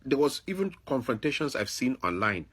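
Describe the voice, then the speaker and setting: A man's voice: medium pitch, big pitch swings, fairly quick, fairly bright tone, slightly rough. A man from Africa, speaking straight to camera in emphatic commentary and repeating his points to press them. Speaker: vlogger. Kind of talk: direct-address commentary.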